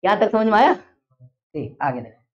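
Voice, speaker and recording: A woman's voice: mid-range voice, very animated, moderate pace. A woman teacher giving a classroom lecture, explaining step by step and drilling her students with repeated questions. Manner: explains step by step, checks understanding often. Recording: dull lo-fi classroom recording.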